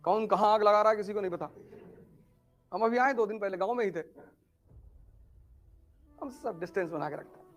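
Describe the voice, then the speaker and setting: A man giving a humorous motivational talk, telling stories with animated swings between loud and hushed delivery. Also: high-pitched, fairly quick, long pauses, soft background music. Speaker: motivational speaker.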